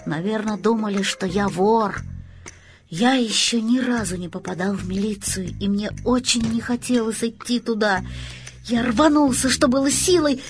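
A woman narrating a story in an expressive reading voice. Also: fairly high pitch, moderate pace, slight background noise. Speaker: audiobook reader.

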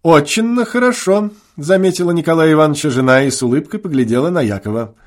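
Expressive male audiobook narrator. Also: a little high, very fast. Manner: expressive, theatrical reading. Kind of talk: audiobook reading of classic prose.

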